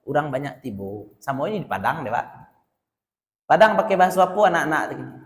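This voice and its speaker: A fairly high-voiced man with a Minangkabau accent delivers a religious lecture, quizzing his audience and dropping into local dialect for jokes. His voice carries a long hall reverb. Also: sing-song, fast. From West Sumatra. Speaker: religious teacher.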